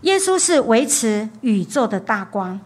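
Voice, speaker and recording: A woman's voice: on the high side, big pitch swings, unhurried, a little mellow. Woman preaching a storytelling sermon. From Taiwan. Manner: storytelling, repeats phrases for emphasis, frequent "ha" tag. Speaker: pastor's wife preaching.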